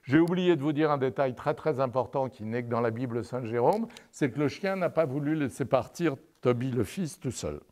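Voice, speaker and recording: A man lecturing on artistic anatomy at a university and talking through projected slides. His delivery is halting, with frequent "euh" and restarts, and he ends many phrases with "n'est-ce pas?". He uses the easy tone of a storytelling lecturer. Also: mid-range voice, lively intonation, darkish tone. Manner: tells a story and asks "n'est-ce pas?" over and over.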